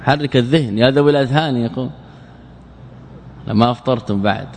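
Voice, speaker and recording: A man's voice: medium pitch, fast talker, darkish tone, a little hiss or hum. A man giving a classroom grammar lesson, asking his students questions, answering them himself and repeating key phrases for emphasis. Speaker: teacher of Arabic grammar. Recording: long reverb of a lecture hall.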